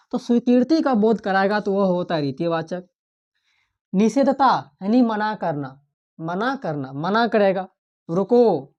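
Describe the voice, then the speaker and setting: A woman's voice: mid-range voice, a little mellow, dull audio. A woman teaching an exam-prep Hindi grammar lesson, who asks the class questions and repeats each key term.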